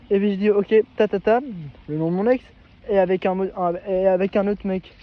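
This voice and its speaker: Male vlogger, high voice, halting casual storytelling, muffled lo-fi sound. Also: flat delivery. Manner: hesitant, halting, many restarts. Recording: dull lo-fi recording.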